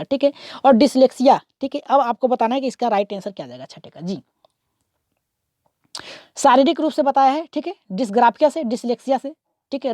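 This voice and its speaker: Woman, exam-prep teacher, rapid delivery, rhetorical questions, urges viewers to comment and subscribe, dry close recording. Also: on the high side, dark tone, no room sound. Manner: keeps asking rhetorical questions and repeating "okay". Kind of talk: online quiz lesson.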